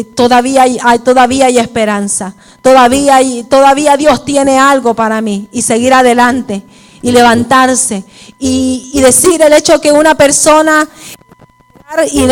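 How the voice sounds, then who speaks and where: A woman preaching a sermon at a women's church service, mixing personal testimony with preaching and often asking her listeners if they follow. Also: high-pitched. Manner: repeats "¿me entiende?" to the listeners.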